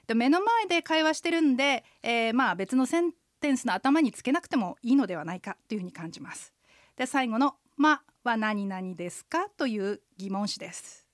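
A woman hosts a radio language lesson in a fairly high voice. She explains each phrase patiently and clearly, often with a quick "hai". Her voice sounds dry and close, like a studio. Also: expressive, dry recording.

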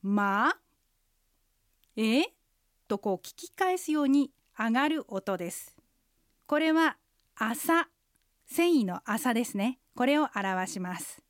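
A woman co-hosting a radio language lesson, slowly and carefully explaining how sounds are pronounced. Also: on the high side, expressive, no room sound, clean studio sound. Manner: slow, careful explanations of pronunciation. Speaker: Chinese language instructor and co-host. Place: radio studio.

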